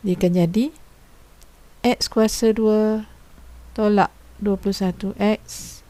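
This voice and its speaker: A woman's voice: mid-range voice, fairly even intonation, takes it slowly, warm tone, no echo. A woman teacher giving a recorded lesson, explaining patiently in an informal manner and asking her students questions. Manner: informal teacher's speech with frequent fillers.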